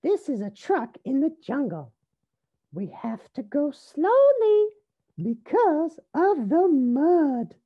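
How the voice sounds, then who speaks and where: A woman's voice: high-pitched, sing-song, slow pace, phone-quality sound, voice pushed up, heavily acted. A woman voicing a playful, bossy and imaginative eldest little girl rabbit in a storybook, exclaiming and drawing out her words. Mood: teasing, excited.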